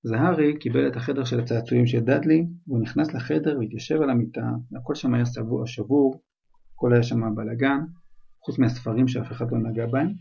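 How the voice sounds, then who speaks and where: A man with a gravelly, husky voice reads a storybook chapter aloud, retelling it loosely in an everyday, conversational way. The recording sounds dull and lo-fi. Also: mid-range voice, steady tone.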